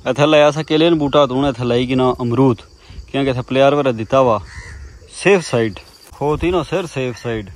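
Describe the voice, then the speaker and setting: A man's voice: mid-range voice, quick pace. A man talks casually for his vlog while working outdoors on farmland, rambling and leaning on the same filler phrases. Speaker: vlogger. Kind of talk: casual vlog chat while doing garden work.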